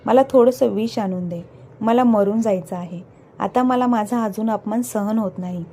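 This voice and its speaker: A woman's voice: normal speed, dark tone, slight background noise, lightly acted. Woman voicing a bossy scolding mother-in-law. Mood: wailing. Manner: scolding, shrill complaints. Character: domineering, quarrelsome middle-aged mother-in-law.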